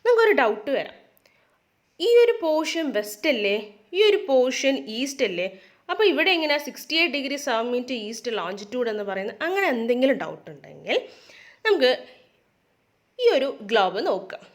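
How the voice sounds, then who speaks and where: A woman teacher, her voice pitched a little high and moving up and down a lot. She talks through a lesson and keeps dropping in English terms. She poses questions and then answers them herself. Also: very animated, brisk, pauses often. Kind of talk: classroom lesson explanation.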